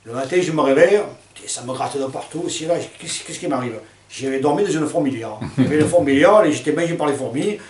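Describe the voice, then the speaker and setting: An older man telling a personal anecdote in a chatty, lively way, with fillers and laughs. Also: fairly high pitch, fast, hardly any pauses, a little hiss or hum. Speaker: storyteller. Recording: roomy sound from a distant mic.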